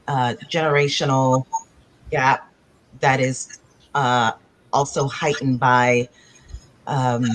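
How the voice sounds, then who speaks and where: Born in Africa and raised in the United States, a woman playwright speaks on a video-call panel over poor audio, her pitch extremely low. She's thoughtful and searching, often circling back to rephrase.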